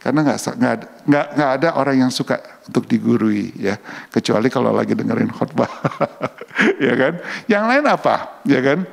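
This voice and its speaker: A man gives a casual, conversational church lesson at an ordinary middle pitch and keeps checking in with his listeners through quick rhetorical questions. His voice carries a long reverb from the church hall around him. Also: expressive, creaky. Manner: chatty, keeps asking "ya kan?" to the audience. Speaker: church speaker on public relations. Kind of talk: conversational church teaching talk.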